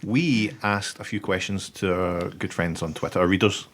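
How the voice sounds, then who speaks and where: Man, podcast co-host, low voice, wry laid-back chat. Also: fairly even intonation, moderate pace, a bit bright. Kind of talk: casual podcast banter.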